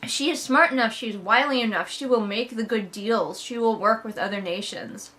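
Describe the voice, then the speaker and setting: Speaking at normal speed, a woman with a slightly high, pushed and bright voice hosts a read-along. Her comedic remarks are casual, sarcastic, emphatic and exasperated, and she talks conversationally with plenty of swearing.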